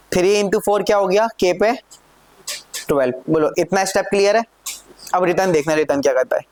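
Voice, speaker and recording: A man's voice: on the high side, no echo. Man teaching code with frequent check-in questions. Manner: checks in often with questions to students. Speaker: programming teacher. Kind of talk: live classroom coding lesson.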